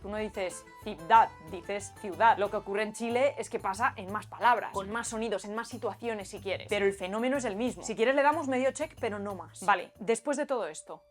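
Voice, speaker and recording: A woman hosting a linguistics lesson, lively and playful, asking herself rhetorical questions. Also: medium pitch, fast talker, few pauses. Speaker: linguistics video host. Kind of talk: scripted educational explainer. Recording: light background music.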